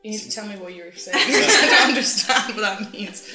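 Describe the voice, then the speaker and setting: A woman's voice: medium pitch, moderate pace, bright, forceful tone. A woman from Scotland, a guest chatting casually, full of laughs and sarcastic jokes. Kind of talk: casual chat. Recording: roomy echo with music behind.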